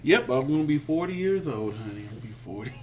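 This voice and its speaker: A man in his thirties co-hosting a casual review chat, sassy and animated, calling people "honey.". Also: on the high side, a little fast, slight background noise. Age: 30s. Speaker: podcast co-host.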